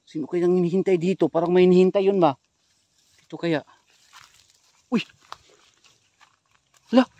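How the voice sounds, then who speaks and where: A man's voice: high voice, level tone, fast talker, mellow, no room sound, dull audio. A man filming a ghost-hunting vlog in a forest outdoors, speaking straight to his viewers in a suspenseful, wary way. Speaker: ghost hunter vlogger.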